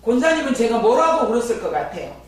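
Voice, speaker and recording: A woman's voice: on the high side, quick pace, recorded from a distance. A woman pastor giving a sermon with personal testimony, telling stories and chatting with the congregation. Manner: lively storyteller who chats with the congregation. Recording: very echoey church from afar, faint hum.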